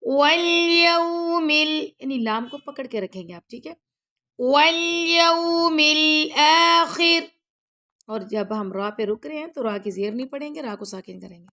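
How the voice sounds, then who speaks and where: A woman teaching Quran recitation rules, who chants each verse slowly and loudly and then explains quickly and softly, often checking that the learner follows. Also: mid-range voice. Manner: checks in with the listener after each rule.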